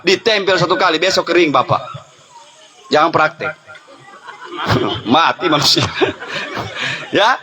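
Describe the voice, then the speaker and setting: A middle-aged male preacher giving a humorous sermon, telling stories, laughing often and talking straight to the congregation. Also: very high voice. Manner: storytelling, laughing often, addressing the congregation directly.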